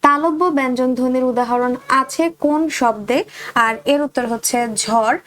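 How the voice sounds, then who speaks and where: A woman tutor with a Bangladeshi Bengali accent running a quick exam revision, reading each question and giving the answer straight to her students. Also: high voice, fairly bright tone. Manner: rapid question-and-answer drilling, addresses students directly.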